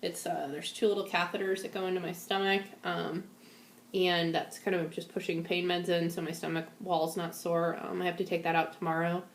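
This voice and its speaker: A woman's voice: on the low side, flat delivery, normal speed, a little hiss or hum. A woman talking casually to camera at home, sounding weak, shaky and a bit out of it while recovering from surgery. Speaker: vlogger sharing a post-surgery update. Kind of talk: casual personal video diary. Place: indoors at home. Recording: echoey room.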